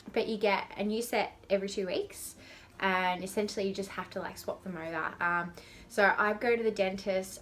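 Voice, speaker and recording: A young woman talks to camera in a casual, rambling vlog style. Her medium-pitched voice has a lisp, with slushy, whistling s sounds. She is informal and self-deprecating as she goes. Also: fairly bright tone. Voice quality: lisp with slurred, whistling s sounds from dental aligners. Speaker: vlogger. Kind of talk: casual chatty talk to camera.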